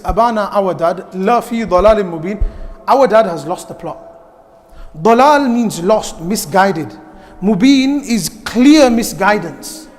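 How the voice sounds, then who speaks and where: A man gives a lively, direct youth talk in a mosque, putting questions straight to his listeners. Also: sits high, a little hiss or hum. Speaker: youth programme speaker. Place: mosque hall. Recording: long hall reverb.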